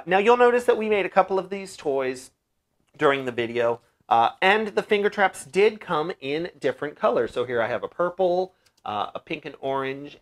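A young man hosting a casual DIY pet-care vlog from a small room at home, explaining things in a friendly way with lots of "uh" fillers, on a lapel mic. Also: on the high side. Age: young adult. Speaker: bird-keeping channel host. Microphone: lapel mic, seated facing camera.

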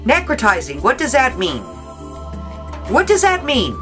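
A frantic, panicking husband, as a woman puts him on in a vlog retelling. His voice jumps shrill and high with desperate, rapid-fire questions. Faint music plays softly behind him. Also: wildly swooping pitch, heavily acted. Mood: panicked. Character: frantic panicking husband, middle-aged man.

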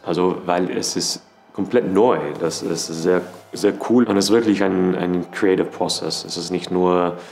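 A man's voice: deep voice, fairly even intonation, a little slow, gravelly, darkish tone, faint music behind. A man from the opera cast talking enthusiastically, with slightly broken grammar. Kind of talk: interview statement.

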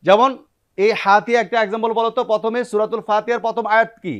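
Bangladeshi guy teaching quran pronunciation on tv, slightly high voice, has students chant sounds back. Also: little pitch movement, fast, fairly bright tone, smooth. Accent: Bangladeshi Bengali. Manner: leads students in call-and-response drills. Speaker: Quran recitation teacher and host. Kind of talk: TV classroom lesson. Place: television studio with students.

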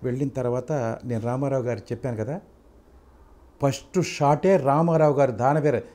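An older man, a film actor, recounting his career in a soft-spoken, casual interview manner, speeding up when he retells conversations. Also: mid-range voice, normal speed.

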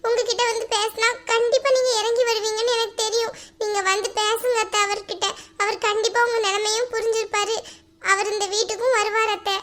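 A pleading young wife in a cartoon family drama, voiced by a woman. The voice sits very high and bright, and the lines come out emotional and imploring. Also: flat delivery, brisk. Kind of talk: animated family drama dialogue.

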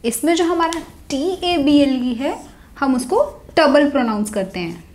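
A young woman runs a pronunciation lesson, mixing Hindi and English as she explains. Her voice sits high and moves a lot, rising and falling as she teaches. She repeats each target word slowly and clearly. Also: very animated, darkish tone.

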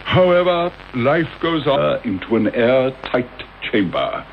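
An actor playing Doctor Watson in a radio play as a bitter, coolly controlled British gentleman with a measured, sardonic, formal manner. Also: mid-range voice, huge pitch swings, gravelly, full character voice. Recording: dull, hissy old radio tape recording.

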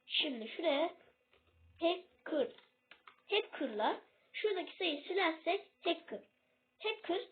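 A woman giving a casual English lesson in a video, hesitant and often losing her place before correcting herself. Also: extremely high pitch. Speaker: self-made English tutor. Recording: tinny phone-like recording.

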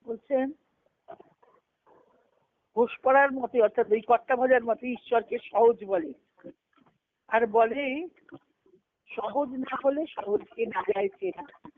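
Slowly and with long pauses, a woman with a slightly high voice teaches scripture in a devotional lecture, repeating key phrases and answering her own questions. She is heard over a tinny, narrowband conference call line with slight background noise.

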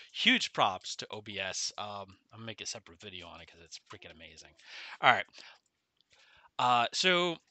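Male game streamer, middle-aged, very bright forceful voice, mouth numb from the dentist, casual delivery, dry close sound. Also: mid-range voice, no room sound. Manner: speaking oddly with half his face numb from the dentist. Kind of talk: casual gaming livestream chat. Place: small room at home, indoors.

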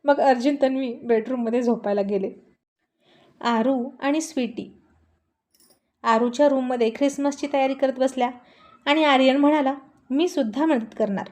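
Woman, storyteller, serialized narration, expressive, warm mellow voice. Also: high voice, normal speed, long pauses. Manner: expressive, acts out all characters.

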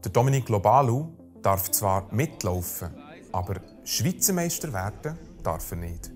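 A man with a Swiss German accent narrating a documentary in a calm, measured way. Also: lowish voice, music in the background.

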